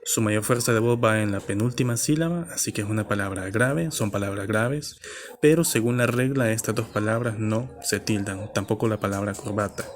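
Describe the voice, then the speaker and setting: A man's voice: fairly low pitch, normal speed. A man teaching a lesson, explaining patiently step by step and checking in with his listeners.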